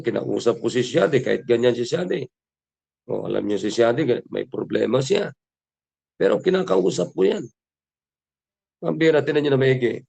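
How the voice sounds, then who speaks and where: Gravelly Filipino pastor preaching. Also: male voice, medium pitch, darkish tone. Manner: preaching with rhetorical questions, switching into English for scripture. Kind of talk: morning devotion sermon.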